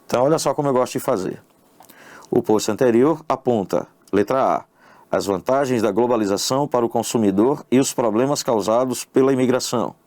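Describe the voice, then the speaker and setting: A man's voice: medium pitch, brisk, a little mellow, no echo, clean studio sound. A man teaching an exam-prep English lesson, explaining questions step by step and checking in with the viewer. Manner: explanatory, addresses the viewer directly with tag questions. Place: online video lesson.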